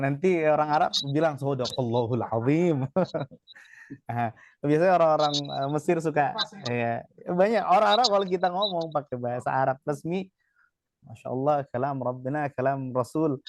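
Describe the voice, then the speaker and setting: Relaxed male Arabic teacher explaining. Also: fairly high pitch, no room sound. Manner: explanatory, relaxed, frequent fillers and checks. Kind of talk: classroom lesson.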